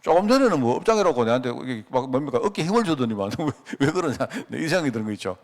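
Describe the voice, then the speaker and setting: A middle-aged male pastor delivers a conversational sermon at a prayer meeting, racing along in a mid-range voice with big pitch swings. He poses rhetorical questions to the congregation, tells anecdotes, and acts out quoted dialogue.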